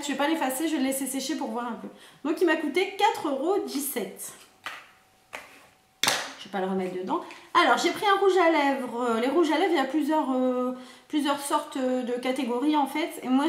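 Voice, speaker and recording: A high-pitched woman talks casually as a beauty vlogger, thinking out loud and filling pauses. She is recorded on a camera mic in an echoey room at home. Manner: chatty, many fillers, thinks aloud. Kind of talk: casual product unboxing and swatching.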